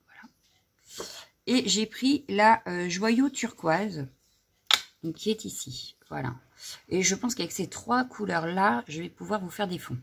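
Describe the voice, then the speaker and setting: Slow and full of pauses, this middle-aged woman speaks in a mid-range voice that's gravelly and slightly rough but has lively intonation. She's a crafting vlogger presenting a casual haul of craft buys, chatty, saying "voilà" often, padding with fillers, a slight frog in her throat.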